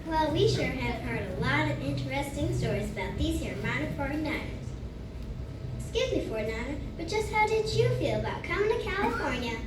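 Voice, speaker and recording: A woman's voice: high voice, animated, a little fast, recorded from a distance. A young-sounding female performer playing a polite interviewer of miners in a school stage play, recorded from afar in a noisy echoey hall. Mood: inquisitive, polite.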